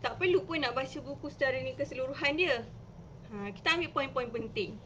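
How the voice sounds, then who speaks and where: On an informal live stream rather than a polished lecture, a Malaysian woman teacher guides viewers through reading with children, her voice high, bright and brisk. She chats freely and explains each step with lively emphasis. The audio is dull, with slight background noise.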